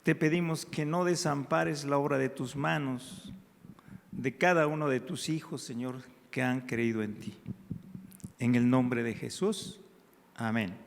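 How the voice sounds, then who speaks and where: A man preaching a sermon in a church, praying in drawn-out phrases and then teaching with growing emphasis. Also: mid-range voice, vocal fry. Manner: slow, prayerful, drawn-out phrases. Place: church hall. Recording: hall with long reverb.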